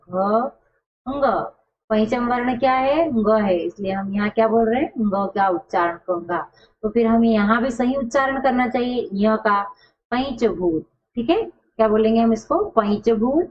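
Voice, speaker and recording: A woman teacher explaining a textbook lesson to her class. Her voice sits a little high, and she keeps asking questions and answering them herself, drawing out words to show how they are pronounced. The recording sounds dull and lo-fi. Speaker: school Hindi teacher.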